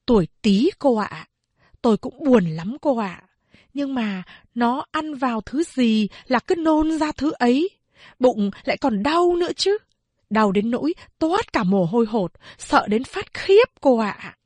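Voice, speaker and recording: A woman voicing a humble, worried mother who speaks softly and deferentially in an audiobook. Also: a little high, big pitch swings, measured pace, no echo. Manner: soft, deferential, pleading.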